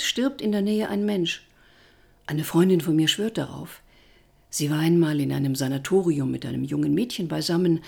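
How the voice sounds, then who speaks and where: A woman reading a first-person short story aloud with expressive shifts in loudness. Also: lowish voice, creaky, husky. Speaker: narrator.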